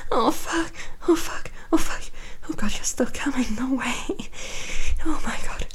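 Woman voicing a commanding queen, breathy whispery voice, slow unhurried delivery, teasing and intimate, audio roleplay. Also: on the low side, animated, darkish tone, heavily acted. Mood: heated. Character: seductive commanding adult queen.

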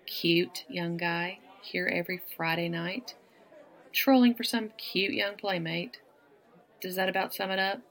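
Speaking a little slowly in a low, steady, creaky voice with a bit of brightness, a woman with a Southern accent teases a stranger at a bar. It's a one-sided flirtatious roleplay, and she laughs often.

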